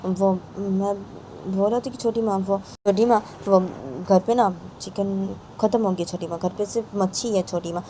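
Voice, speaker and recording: A woman's voice: medium pitch, steady tone, normal speed, hardly any pauses, mellow, a little hiss or hum, lightly acted. A woman voicing an affectionate young woman who pleads and wheedles with her aunt. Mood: pleading.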